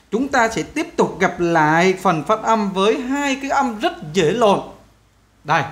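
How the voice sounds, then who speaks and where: A male English teacher, giving a pronunciation lesson and saying example words slowly, stretching the vowels. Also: high voice, a bit bright.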